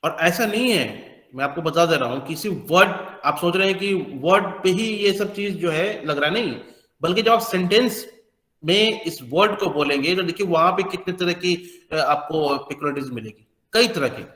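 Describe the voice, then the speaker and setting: A man teaching English pronunciation as a lecture, explaining in Hindi, mixing in English phrases and modeling words by repeating them slowly. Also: high voice, fairly bright tone. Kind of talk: lecture to students. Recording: echoey hall with long reverb.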